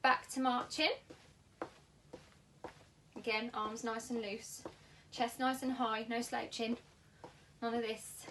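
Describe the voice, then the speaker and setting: A woman with a British accent giving exercise instructions in a careful, unhurried way, as a class instructor talking to camera. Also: fairly high pitch, flat delivery, a bit bright, recorded from a distance. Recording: clearly noisy room ambience.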